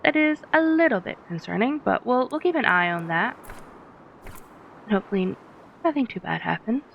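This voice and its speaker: A woman's voice: a little high, lively intonation, normal speed, vocal fry, highs cut off, slight background noise. A woman hosting a let's play, giving casual commentary that is chatty and giggly as she thinks aloud through her game.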